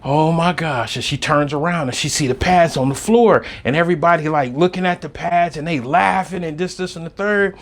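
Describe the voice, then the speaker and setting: A man hosting a podcast, telling a comedic story and swinging between low muttering and loud outbursts. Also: brisk, few pauses. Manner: fills his talk with "you know what I'm saying" and "right".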